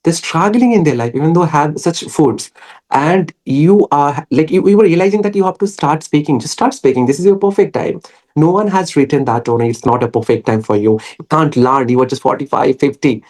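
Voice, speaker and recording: Young Indian English trainer, earnest and encouraging, chatting as a podcast guest. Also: male voice, a little high, brisk, darkish tone. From West Bengal, India. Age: young adult. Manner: earnest, coaching. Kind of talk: casual podcast conversation.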